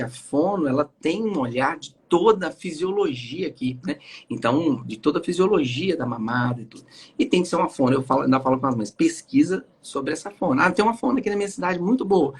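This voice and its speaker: A man with a Brazilian Portuguese accent, a pediatrician talking as a guest from his home on a video call. He tells lively stories and acts out what the mothers say. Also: a little high, slightly rough. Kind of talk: casual live chat.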